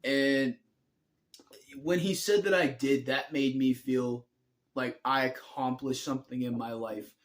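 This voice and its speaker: A man's voice: mid-range voice, steady tone, unhurried. A tired young man telling a personal story in a rambling, earnest way, often correcting himself. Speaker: vlogger.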